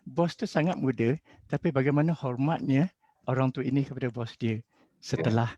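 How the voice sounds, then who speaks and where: Man, lively counselor on webinar. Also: mid-range voice, normal speed. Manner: lively storytelling, acts out quotes. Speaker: school and university counselor. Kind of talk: webinar talk. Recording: dull lo-fi webinar audio.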